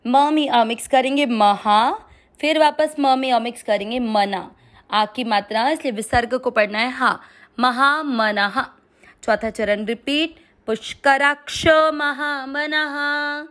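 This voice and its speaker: A woman guides listeners through a Sanskrit verse one syllable at a time, her voice sitting a little high. She speaks very slowly and patiently, drawing out long vowels as she recites. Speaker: Sanskrit pronunciation teacher. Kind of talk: slow step-by-step recitation lesson.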